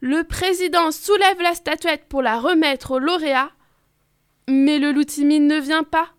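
Slow, high-voiced woman reading a story. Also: no echo, studio quality. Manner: expressive, animated reading.

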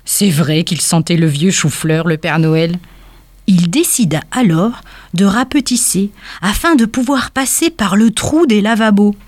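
Calm woman reading a children's story. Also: mid-range voice, a little slow.

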